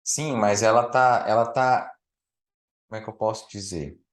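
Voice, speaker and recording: A man's voice: lowish voice, fairly even intonation, normal speed. A male teacher gives a live grammar lesson to a student. He is patient and explains step by step, often checking whether she understands.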